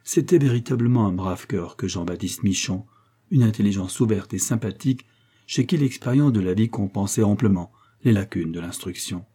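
A man reading a classic novel aloud as narrator, in measured, even storytelling. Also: fairly low pitch, slightly rough. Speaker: audiobook reader. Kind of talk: scripted narration.

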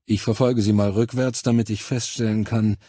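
A man reading a calm, clinical army medic. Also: fairly low pitch, moderate pace, no echo, clean studio sound, natural voice. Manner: clinical, matter-of-fact explaining. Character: composed male army medic examining alien bodies.

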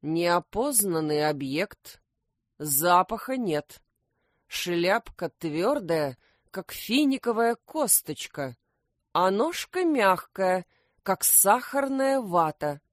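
A woman's voice: fairly low pitch, sing-song, slow pace, no echo, studio quality. A woman voicing a cheerful, confident male animal detective.

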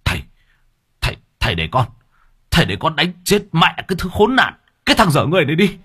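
A man's voice: fairly high pitch, huge pitch swings, fast, bright, forceful tone, breathy edge, pitched above the performer's own voice, heavily acted. A man voicing an enraged young farmhand who snarls and hisses. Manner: snarling, hissing.

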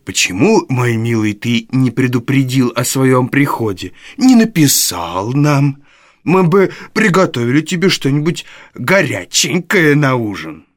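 A man voicing a sly old male gang leader who speaks softly and ingratiatingly. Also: medium pitch, big pitch swings, unhurried, no room sound, clean studio sound. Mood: mock-polite. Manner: soft, ingratiating, mock-polite.

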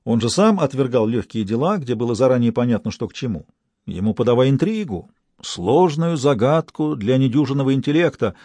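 A man narrating a detective novel as an audiobook in a measured, even way. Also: mid-range voice, dry recording. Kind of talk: scripted narration.

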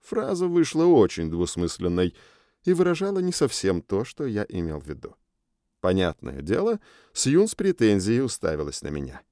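Casting: a male audiobook narrator, mellow and animated, wry first-person delivery. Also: fairly low pitch, normal speed, no room sound, studio quality.

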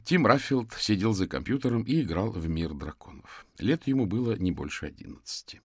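A man narrates an audiobook in a calm, measured way. His voice sits very low. The recording is dry and close. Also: breathy edge, no echo. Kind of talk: scripted narration.

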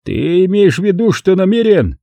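A man's voice: high voice, very animated, normal speed, vocal fry, dark tone, no room sound, pitched above the performer's own voice, full character voice. A male audiobook reader voicing a drunk, bitter man who slurs and sneers sarcastically. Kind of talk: audiobook character voice.

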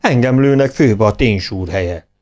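Give me a cowardly grumbling old cook, slow and drawling, read by a man. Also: fairly low pitch, darkish tone, close to an everyday voice.

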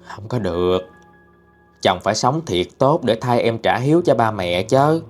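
Gentle ghost wife comforting her husband, read by a guy, quiet music behind. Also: lowish voice, expressive, measured pace. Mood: firm. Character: ghost of a young wife, tender and consoling.

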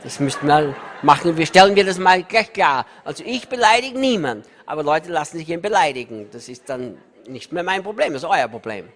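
A man preaching in a large reverberant hall, his voice ringing with a long echo and now and then drifting away from the mic. He preaches with raw feeling, often close to tears and quick to laugh, shifting from loud emphasis to hushed asides. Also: on the high side, lively intonation. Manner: emotional, tearful, laughs often, wide swings between loud emphasis and soft asides. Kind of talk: sermon.

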